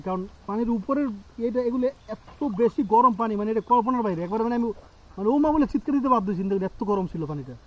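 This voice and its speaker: Outdoors at a rural home, a young man chats casually with viewers for a family vlog while coaxing his small son along. His voice sits high, and the audio is dull with a noisy background.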